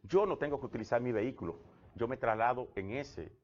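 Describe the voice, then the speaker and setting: A Dominican man, a government labor official from the Dominican Republic, speaks with a Dominican Spanish accent as a guest on a conversational TV interview. His medium-pitched voice is slightly fast and a little mellow, and he tells personal anecdotes with frequent restarts. The sound quality is lo-fi.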